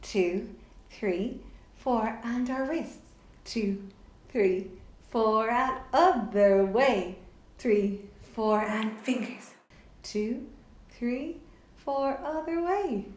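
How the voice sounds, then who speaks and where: Pausing often and speaking extremely slowly, a middle-aged woman with a slightly high, darkish voice leads children through theatre warm-ups. Her explanations are simple and encouraging, made for an instructional video. The bare room at home where she records is echoey.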